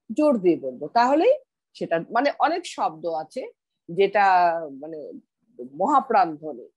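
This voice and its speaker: A woman's voice: high-pitched, a little mellow, no room sound. A middle-aged woman teaching pronunciation on a video call, patiently repeating words for her students. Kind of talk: online class, explaining pronunciation.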